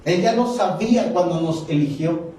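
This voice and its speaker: A man's voice: high voice, moderate pace, dark tone, a little hiss or hum. A man preaching an impassioned sermon, acting out the voices of the people in his story. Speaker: pastor. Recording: echoey hall, mic at a distance.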